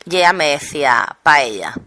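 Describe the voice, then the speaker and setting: A woman's voice: fairly low pitch, expressive, measured pace, pushed and bright. A young woman from Catalonia with a Catalan accent, explaining Spanish features in an online lesson and demonstrating pronunciations. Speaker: Spanish teacher.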